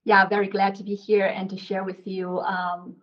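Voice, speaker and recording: A woman's voice: medium pitch, completely flat delivery, moderate pace. A woman from China, a panel guest, explaining step by step with some fillers. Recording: dull lo-fi sound.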